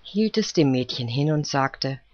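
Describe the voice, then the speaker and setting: A man reads a story aloud in a slow, wry and dramatic manner. His voice sits at an average height. The recording is dry and slightly muffled. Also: medium pitch, lively intonation, dry recording. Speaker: narrator. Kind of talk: storybook reading.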